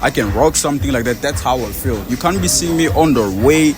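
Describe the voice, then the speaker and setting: A young man from Congo talks street fashion in loose, slangy bursts. His voice sits in a middle pitch. Loud music plays behind him outdoors on a city street. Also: expressive, fairly quick. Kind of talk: casual street chat.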